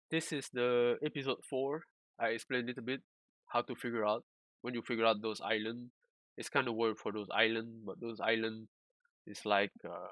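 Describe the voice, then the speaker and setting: A male streamer explaining game data analysis in a casual live-stream walkthrough, halting, repeating words and using loose, non-standard English phrasing. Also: on the low side, no room sound, dull audio.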